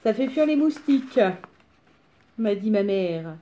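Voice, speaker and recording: Mellow, raspy woman with a smoker's voice. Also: medium pitch, animated, measured pace, slight background noise. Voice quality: smoker's rasp. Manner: self-deprecating, rambling, chatty. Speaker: craft tutorial presenter. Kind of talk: casual unscripted craft demonstration.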